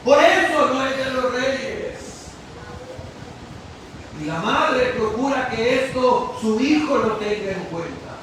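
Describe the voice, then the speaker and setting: A man preaching an impassioned sermon, often shouting and slowing down to stress his words. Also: very high voice, animated. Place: church sanctuary. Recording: far from the mic in an echoey church hall with faint hiss.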